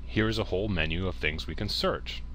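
He has a low, somewhat bright voice and talks at a normal speed, with a little noise in the background. Addressing the viewer directly, he gives plain-spoken, step-by-step narration for a software tutorial.

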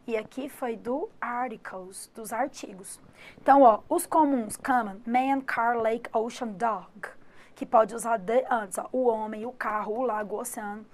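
A woman's voice: a little high, a little slow. A Brazilian woman teaching an English grammar lesson online, explaining step by step and checking in with frequent tag questions. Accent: Brazilian Portuguese. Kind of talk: online exam-prep lesson.

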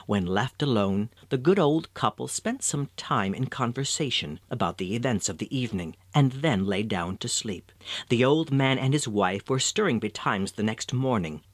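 A man narrating a classic storybook tale with an expressive, storytelling manner. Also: mid-range voice, moderate pace, dry recording.

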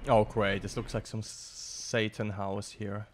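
A man's voice: fairly low pitch, level tone, slow pace, a little hiss or hum. A man with a German accent, a native German speaker from Germany, joking around in casual banter while playing a game with a friend. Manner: playful, jokey, calls his partner "sir". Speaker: game player.

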